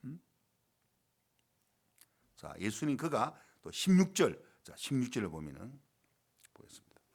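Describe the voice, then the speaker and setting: A man's voice: mid-range voice, huge pitch swings, measured pace, creaky, a little mellow, slightly rough. A male pastor preaching a sermon at a church service, fervent and full of rhetorical questions.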